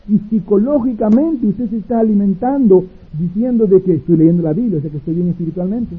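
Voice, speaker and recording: A man preaching a sermon who acts out an anecdote in many voices, swinging between soft and loud. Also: high voice, brisk, slightly rough. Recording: dull lo-fi recording.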